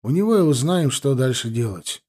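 A grave, stern middle-aged factory boss with a mellow, low-key voice, as a man reads his lines. He speaks in measured, serious tones in an audiobook. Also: sing-song.

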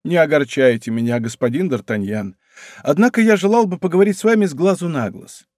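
A man's voice: on the high side, lively intonation, fairly quick, a little mellow, no room sound, clean studio sound, natural voice. A man voicing a sly, timid, middle-aged fortress commandant who complains in a plaintive, wheedling way.

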